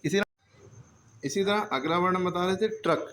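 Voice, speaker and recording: A man's voice: sits high, normal speed, fairly bright tone. A man teaching a handwriting lesson, explaining patiently step by step and often checking that the students follow.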